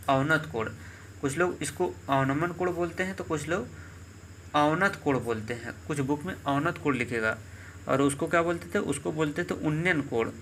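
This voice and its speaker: Bright-voiced male math teacher. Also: a little high, a little hiss or hum. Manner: asks quick check questions like "clear?"; repeats key terms slowly, step by step. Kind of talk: classroom lesson explaining geometry.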